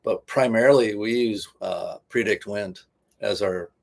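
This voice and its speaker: Low raspy-edged guy, easygoing, talking boat stuff on a livestream. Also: a little slow, darkish tone. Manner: laid-back, explains boat systems. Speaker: boat vlog co-host. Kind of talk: casual livestream chat.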